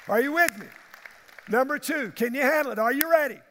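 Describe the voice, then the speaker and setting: A man preaching an impassioned evangelical sermon as pastor, dramatic in delivery, with a gravelly voice. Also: very high voice, animated, fairly quick, pushed and bright, a faint crowd, slight background noise. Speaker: pastor preaching to his congregation. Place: large church hall, preaching to a congregation. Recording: echoey large hall with long reverb.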